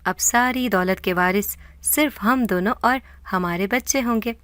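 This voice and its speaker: A woman's voice: medium pitch, fairly bright tone, no room sound, close to an everyday voice. A woman voicing a cunning, greedy woman in a horror storybook, scheming and self-assured. Her voice is plain and close-miked. The recording is dry. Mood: gloating. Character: cunning greedy woman plotting against a witch.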